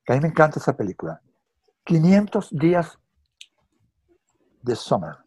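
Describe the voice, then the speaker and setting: Husky Venezuelan man chatting films. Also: a little high, wildly swooping pitch, normal speed, darkish tone. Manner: hesitant, repeats words, storytelling. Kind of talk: casual film chat.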